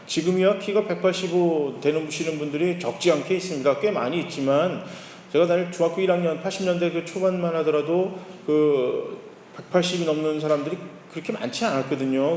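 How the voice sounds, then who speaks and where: A male pastor giving a sermon, telling a story in a relaxed conversational way. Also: fairly high pitch, a little hiss or hum. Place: church sanctuary. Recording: roomy church hall with long reverb.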